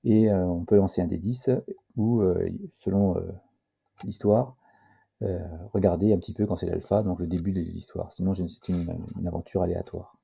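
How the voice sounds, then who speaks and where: A man presenting a casual board game tutorial, hesitant and full of filler pauses, at times reading the game's text aloud. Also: sits low, steady tone, vocal fry, warm tone, slightly rough.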